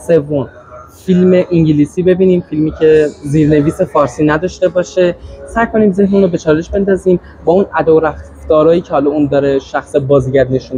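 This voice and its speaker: A man's voice: fairly high pitch, warm tone. A man hosting an interview podcast, asking questions with many hesitant fillers. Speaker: podcast host.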